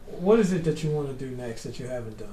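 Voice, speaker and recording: A man co-hosting a talk show, prodding the guest in a brisk, playful way. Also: mid-range voice, animated, dark tone, slightly rough. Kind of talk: casual interview conversation.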